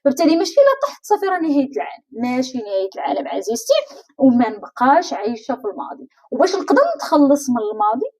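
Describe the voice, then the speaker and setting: Fast, lively Moroccan woman coaching. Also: high-pitched. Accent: Moroccan Arabic. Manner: addresses the listener directly, many rhetorical questions. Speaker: life coach. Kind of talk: motivational coaching talk.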